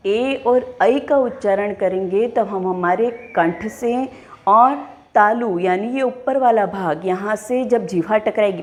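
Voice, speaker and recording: A woman teaching a class, speaking slowly and clearly, spelling out each sound and asking her pupils questions as she goes. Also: medium pitch, a little mellow. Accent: Hindi. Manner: slow, deliberate, enunciating each sound and posing questions to pupils. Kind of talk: classroom lesson.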